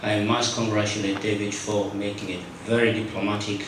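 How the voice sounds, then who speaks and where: Formal male moderator, lowish voice, booming room with noise behind. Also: level tone, fairly quick. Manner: courteous and formal. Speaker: conference moderator. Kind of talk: formal thanks. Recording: echoey hall, distant mic, noise.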